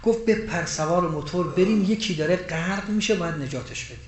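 A man preaching a sermon, moving between loud emphatic rises and hushed, quiet storytelling. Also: sits high, slight background noise. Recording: echoey room with faint ambience.

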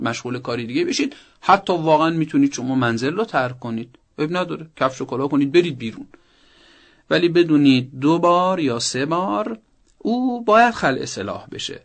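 Earnest man giving parenting advice. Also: mid-range voice. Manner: earnest, emphatic advice with rising insistence. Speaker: parenting expert. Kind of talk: radio advice talk.

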